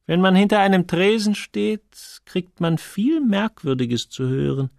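A teasing, knowing woman from an audiobook, as a male reader puts her on. She speaks high and lightly, with an unhurried, curious way of talking. Her voice has some gravel in it, and the room around it is dry. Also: lively intonation, dry recording, heavily acted.

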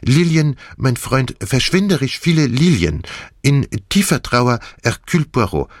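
A man's voice: medium pitch, big pitch swings, a little slow, no echo, studio quality, voice pushed up. A man voicing a fussy, theatrical older male detective in an audiobook, talking dramatically and dropping French phrases. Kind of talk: audiobook character voice.

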